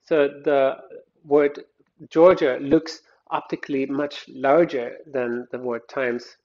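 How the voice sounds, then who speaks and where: A man's voice: mid-range voice, little pitch movement, slow pace. Man explaining slides on a dull recording. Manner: explanatory, thinks aloud with frequent restarts. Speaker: design instructor. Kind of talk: recorded lecture over slides.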